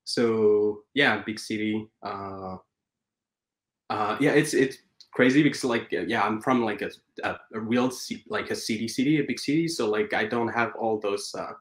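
A man in his thirties talks in a French-accented voice that sits on the low side. He stumbles and restarts often, stacking fillers as he chats. The sound carries a roomy echo. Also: normal speed. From France. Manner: hesitant, many fillers and restarts. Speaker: guest animator. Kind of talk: casual interview chat.

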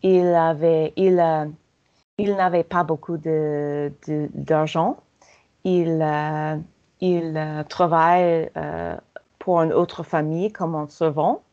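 A slow, deliberate American woman speaks in a slightly low voice, pausing often to search for her words in a language that is not her native one. Her speech is full of fillers and restarts, with the halting feel of a learner in conversation. The audio is dull and lo-fi. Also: mellow. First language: English.

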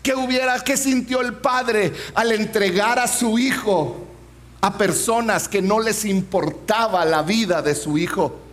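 High-voiced man telling a sermon story. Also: unhurried. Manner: humorous, animated storytelling. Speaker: preacher.

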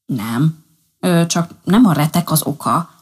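A woman's voice: low voice, expressive, darkish tone, husky. A woman voicing a male rabbit husband who teases his wife in a storybook. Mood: teasing.

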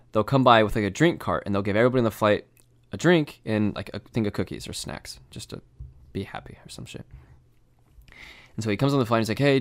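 A young man telling a story in casual chat, animated and swearing, full of fillers. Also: fairly low pitch.

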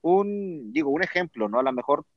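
A man's voice: on the high side, lively intonation, moderate pace, dry recording, dull audio. A man with a Mexican accent hosting a casual podcast chat, slangy and telling stories with quoted dialogue. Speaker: podcast host.

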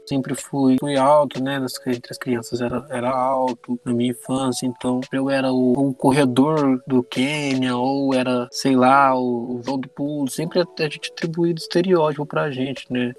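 A young man with a Brazilian accent on a podcast panel, recounting childhood memories in a reflective way with frequent restarts. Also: mid-range voice. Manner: reflective storytelling, many restarts. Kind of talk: casual podcast discussion.

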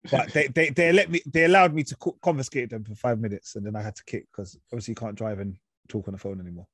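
A man's voice: mid-range voice, fast, a bit bright, husky, dry recording. A man with an urban London roadman accent, hosting a podcast in casual, slangy chat. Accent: London, urban street. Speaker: podcast host.

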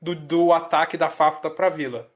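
A man, co-hosting a podcast and explaining things in quick, conversational chat. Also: fairly high pitch, fairly even intonation. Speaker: podcast co-host. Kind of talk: casual chat.

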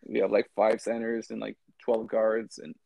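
Man, podcast co-host, casual sports talk, rambling, husky tone, gravelly. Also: lowish voice, completely flat delivery, normal speed, dark tone, no room sound. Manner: loose and rambling, frequent restarts.

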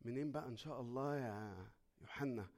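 A man with an Egyptian Arabic accent preaching a sermon. He swings between hushed, intimate talk and loud, fervent preaching, and asks and answers his own questions. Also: mid-range voice, fast talker.

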